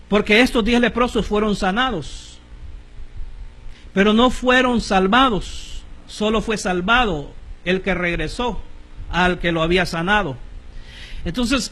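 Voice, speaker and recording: High-voiced Honduran preacher man. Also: a bit bright. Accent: Honduran Spanish. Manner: measured, repeats key phrases, corrects himself aloud. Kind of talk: sermon.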